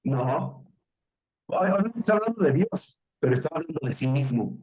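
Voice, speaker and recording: A man with a Mexican accent, a pastor leading a Bible study, who reads verses slowly and stops to explain them and question his listeners. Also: on the high side, animated, darkish tone, slightly rough, poor audio.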